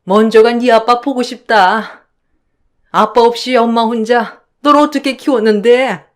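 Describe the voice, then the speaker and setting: A woman voicing a bossy, self-pitying middle-aged mother-in-law who yells and nags in a radio story. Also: fairly high pitch, unhurried, close to an everyday voice. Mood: wailing. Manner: yelling, nagging, sighing.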